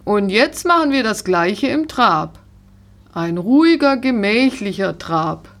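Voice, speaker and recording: A woman voicing a friendly, firm male riding instructor in a storybook, calmly giving commands. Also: mid-range voice, slow pace. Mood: instructing.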